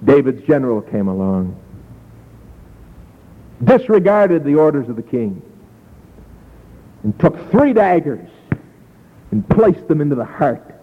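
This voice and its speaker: A man preaching an evangelistic sermon, telling the story dramatically and dropping from loud to hushed. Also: on the high side, very animated, slow pace, long pauses. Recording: tinny lo-fi echoey hall.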